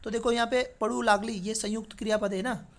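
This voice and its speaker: A man's voice: high voice, fairly even intonation, a little fast, fairly bright tone. Male teacher, chatty. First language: Marathi. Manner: conversational, checks in with frequent tag questions. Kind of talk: exam paper walkthrough lesson.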